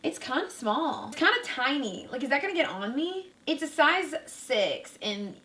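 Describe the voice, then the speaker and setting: A woman's voice: high voice, big pitch swings, moderate pace, bright, forceful tone, far from the mic. A young woman vlogger chatting casually while unboxing clothes, bubbly and full of fillers, a bit out of breath. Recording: roomy, from away from the mic.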